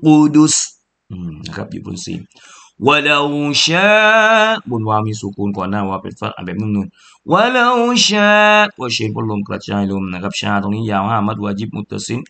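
A man teaching Quran recitation, chanting verses very slowly and then explaining pronunciation sound by sound in a relaxed, lower voice. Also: creaky. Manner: says polite particles often and repeats sounds to demonstrate.

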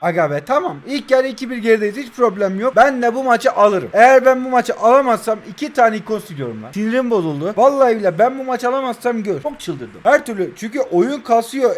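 A young man in his twenties narrates his own football match on his phone. His voice sits high, and he keeps egging his players on and mocking his rival. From Turkey. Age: 20s. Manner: heated, urging players on, trash-talking the opponent. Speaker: mobile football gamer. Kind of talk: live gameplay commentary.

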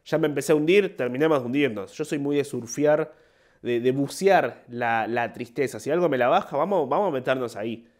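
A man's voice: medium pitch, brisk, darkish tone. A young man with an Argentine Spanish accent, a podcast host and comedian telling stories in a rambling, self-mocking casual monologue. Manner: rambling, self-mocking, acts out short quoted voices.

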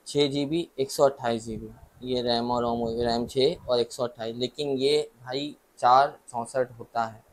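A man with a Pakistani Urdu accent sells phones from a busy market shop. He runs through specs and prices at a steady clip, tagging "okay?" onto each point. His voice sits at an ordinary middle pitch. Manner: brisk, lists specs, repeats "okay?" to check understanding. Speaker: mobile phone shopkeeper. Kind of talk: sales pitch to camera.

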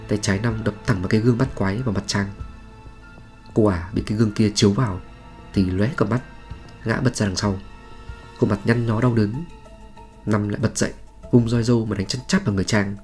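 A man's voice: lowish voice, darkish tone. A man reading a scripted horror story in a dramatic, suspenseful manner. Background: faint music.

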